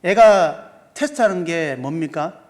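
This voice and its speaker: An unhurried, expressive male pastor with a fairly high voice leads a seminar sermon. Working through sums step by step, he asks the congregation lots of questions, his words echoing with long hall reverb in the sanctuary.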